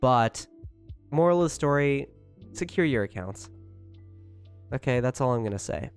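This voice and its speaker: A man's voice: mid-range voice, lively intonation, normal speed, clear, resonant tone. A man hosting a casual livestream, rambling on chattily and informally to his chat. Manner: rambling, chatty, keeps talking; informal, with swearing. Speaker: livestream host talking to chat. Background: music.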